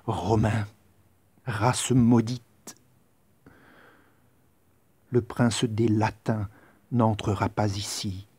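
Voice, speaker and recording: A man's voice: lowish voice, level tone, very slow, long pauses, mellow, breathy edge, no room sound, exaggerated voice. A man voicing a proud, scornful young queen, declaiming rhymed stage verse. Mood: defiant.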